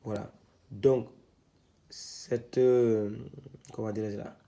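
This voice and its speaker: Slow gravelly-voiced man teaching letters. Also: fairly low pitch, level tone, dark tone. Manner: halting, repeats words, many "euh" fillers. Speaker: Quran reading teacher. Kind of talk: step-by-step lesson, spelling out syllables.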